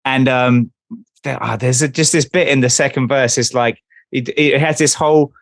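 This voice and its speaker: A man's voice: medium pitch, steady tone, normal speed, no room sound. Rambling man reviewing an album. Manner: rambling, restarts, reads out lyrics. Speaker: podcast co-host. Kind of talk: casual chat.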